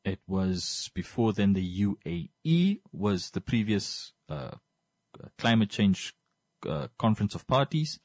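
A man with a Namibian accent giving informal, explanatory commentary on world affairs in wordy, halting phrases, often repeating himself for emphasis. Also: fairly low pitch, lively intonation, a little mellow, no room sound, studio quality.

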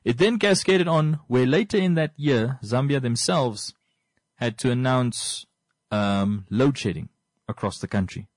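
A man with a Namibian accent giving informal, explanatory commentary on world affairs in wordy, halting phrases, often repeating himself for emphasis. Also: mid-range voice, no echo.

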